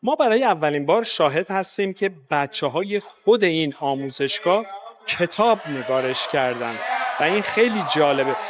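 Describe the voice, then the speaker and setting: A man's voice: a little high, lively intonation. A man with an Iranian Persian accent interviewing guests on location in a formal, courteous way. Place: public festival. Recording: crowd chatter at public event.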